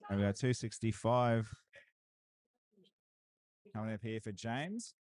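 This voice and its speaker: A man doing live, excitable commentary on a strongman deadlift event, hyping lifts and chatting with viewers. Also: on the low side, a little slow, no room sound. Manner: excitable hype, repeated cheers and laughs. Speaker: livestream commentator.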